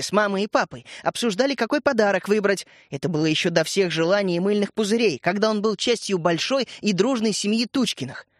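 A man reads a children's story aloud in a measured, expressive way. His voice sits fairly high, and the recording is dry and close with no room sound. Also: no room sound. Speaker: narrator. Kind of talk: scripted storybook narration.

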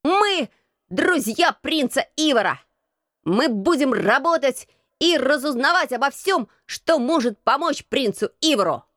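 A woman reading an audiobook, voicing a bossy crippled street boy who leads a gang and barks gruff commands. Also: high-pitched, expressive, unhurried, fairly bright tone, dry recording, clean studio sound, voice pushed up. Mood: commanding. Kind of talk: audiobook character voice.

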